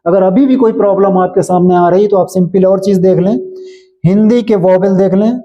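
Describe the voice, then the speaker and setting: A man teaching English grammar in Hindi, explaining slowly and checking often that his students follow. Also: high-pitched, steady tone, lo-fi sound, soft background music. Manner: repetitive, checks understanding often. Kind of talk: slow classroom explanation in Hindi.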